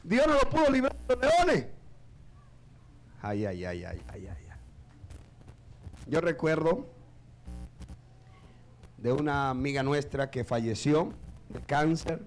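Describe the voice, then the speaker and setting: Pastor guy preaching in church, slow and drawn out, goes from shouting to quiet low bits. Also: big pitch swings. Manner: swings between loud shouted peaks and quiet low asides. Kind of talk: sermon.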